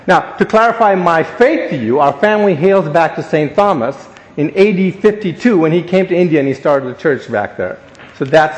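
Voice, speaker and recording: A guest speaker with a fairly high voice, born in Ghana and raised across Africa, Asia and the Caribbean, gives a humorous speech to an audience. He tells stories and jokes at his own expense, and his words ring with the long echo of a large hall.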